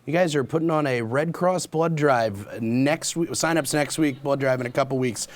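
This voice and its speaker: A man's voice: medium pitch, moderate pace. A man teacher casually interviewing students in a studio, chatty and joking.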